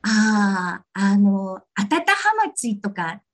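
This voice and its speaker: A woman with a cute anime-girl voice that has a slightly breathy, husky grain. She speaks politely and somewhat haltingly, as a guest answering questions in a radio chat. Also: medium pitch, big pitch swings. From Japan, lives in Hiroshima Prefecture. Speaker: radio guest, fitness exercise instructor.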